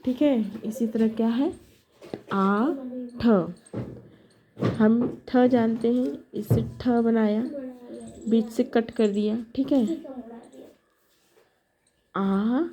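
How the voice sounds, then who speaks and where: Slow, patient woman teaching. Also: on the high side. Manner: slow, patient, repeats each letter aloud. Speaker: shorthand teacher. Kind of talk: step-by-step classroom explanation. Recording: dull lo-fi sound with faint noise.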